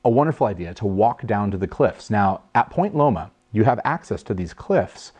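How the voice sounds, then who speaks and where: A man in his thirties telling a funny personal story in a jokey, animated way, acting out voices. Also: lowish voice, moderate pace, husky. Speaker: host. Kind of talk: casual storytelling.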